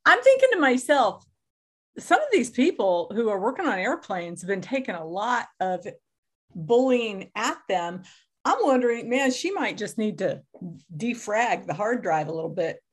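A woman hosting a casual interview, supportive and quick to agree. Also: fairly high pitch, very animated. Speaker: series host.

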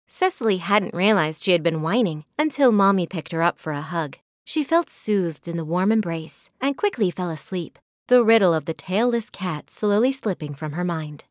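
A woman reading her own children's storybook aloud with gentle, measured storytelling. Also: lowish voice, dry recording, studio quality. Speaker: author narrating her own book. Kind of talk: children's audiobook narration.

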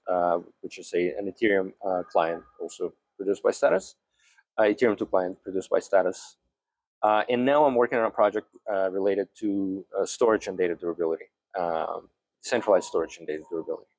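A man, a software engineer guest, explaining his work in a halting way with many fillers. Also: fairly low pitch, no echo. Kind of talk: podcast interview.

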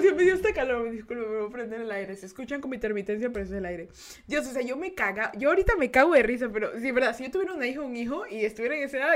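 A young adult woman with an Ecuadorian Spanish accent and a slightly high voice hosts a podcast, telling a story in a casual, confessional way. She's animated, giggles a lot, restarts sentences and acts out other people's voices.

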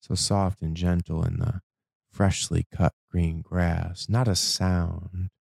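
A man performing a spoken-word poetry monologue as a host, with a dramatic, deliberate delivery in short measured phrases. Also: deep voice, flat delivery, gravelly, darkish tone, breathy edge, no room sound, studio quality. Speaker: podcast host.

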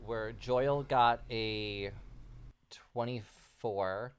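A man acting as game master, narrating a tabletop game in a relaxed, laughing way with slow, deliberate narration. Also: medium pitch, clear, resonant tone.

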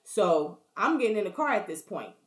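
A woman's voice: mid-range voice, very animated, moderate pace. A woman telling a story in a blunt, profane, casual rant, often checking in with the listener. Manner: blunt, profane, keeps asking "you know what I mean". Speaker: vlogger. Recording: roomy echo.

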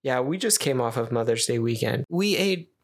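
Man, 30s, podcast co-host; relaxed, rambling delivery with frequent fillers, mid-range voice. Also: medium pitch, normal speed. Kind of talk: casual chat.

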